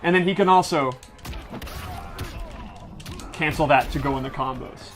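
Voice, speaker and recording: A man with a slightly high voice gives a casual gameplay breakdown of fighting-game mechanics, explaining enthusiastically and technically as he goes. He speaks at normal speed over soft background music.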